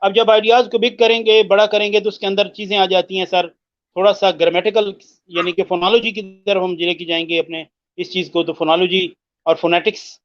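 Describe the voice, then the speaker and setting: A man with a notably high voice walks through English listening skills, pausing often and trying out words aloud to show their stress. The sound is dry and dull, like lo-fi online call audio. His delivery is patient and explanatory. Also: flat delivery, dry recording. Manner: explains slowly with many hesitations and mixes in English phrases; demonstrates word stress by repeating words. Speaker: English teacher.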